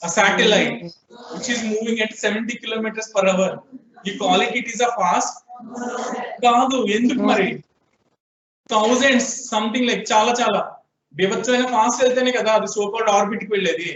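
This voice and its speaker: High-voiced Telugu-accented male teacher, quizzing students in class, echoey room, mic set far off. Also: takes it slowly, background noise. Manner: questioning students, prompting answers. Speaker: programming teacher. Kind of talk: classroom lecture mixing Telugu and English. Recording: echoey room, distant, dull lo-fi sound.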